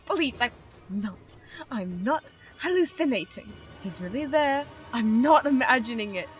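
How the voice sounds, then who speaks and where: A woman's voice: mid-range voice, normal speed, faint music behind, lightly acted. A woman voicing the Doctor, an alien time traveller whose mind is unravelling, in an audio drama. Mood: frantic. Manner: anguished, pleading, erupts into shouts.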